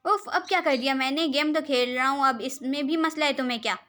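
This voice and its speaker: Jealous, stubborn young man, storybook reading voiced by a woman, high and brooding. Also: fairly quick, sharp tone. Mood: bitter.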